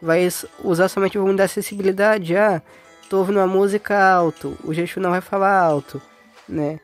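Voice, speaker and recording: A woman's voice: mid-range voice, fairly even intonation, a little fast. A woman with a Brazilian accent hosting a casual step-by-step phone tutorial, informal and often adding short tag questions. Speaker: tutorial host. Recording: faint music behind.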